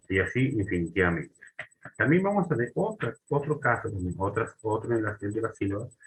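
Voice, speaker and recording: A man's voice: lowish voice, fairly bright tone, poor audio. A man teaching a grammar lesson, often restarting and checking in with short questions.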